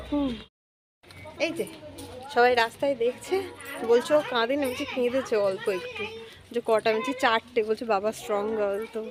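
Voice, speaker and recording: A mother vlogs her day in a soft, low murmur, now and then cooing baby talk to her baby daughter, first at home and then out on the street. The handheld phone audio is noisy, with wind and outdoor sounds.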